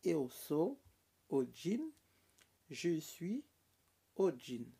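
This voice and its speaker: Slow, patient male French teacher. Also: fairly high pitch, animated, dark tone, husky. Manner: repeats each letter twice, patient and deliberate. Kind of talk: beginner language lesson.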